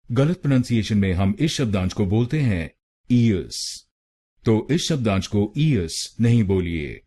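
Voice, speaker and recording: An Indian-accented man talks through a pronunciation lesson in a fairly low, husky voice. He speaks slowly, with a lively rise and fall as he repeats each syllable. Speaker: pronunciation teacher.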